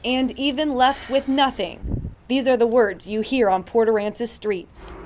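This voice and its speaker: A woman's voice: on the high side, fairly even intonation, a little slow, a little mellow, slight background noise. An American woman, a television reporter, reading scripted news narration.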